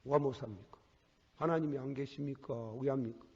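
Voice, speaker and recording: Husky older Gyeongsang preacher in a hall. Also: male voice, medium pitch, fairly quick. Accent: Gyeongsang Korean. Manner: animated, swings from soft murmurs to loud outbursts; blunt, laughs at his own stories. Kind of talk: folksy sermon storytelling. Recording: dull lo-fi sermon tape with long hall reverb.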